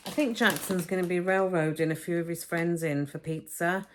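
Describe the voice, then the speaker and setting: Lowish-voiced woman, chatty haul vlogger, phone video recording. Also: fairly even intonation, moderate pace, background noise. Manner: chatty, talks to camera while unpacking shopping. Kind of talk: casual shopping haul vlog. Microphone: phone camera, filmed as a phone video.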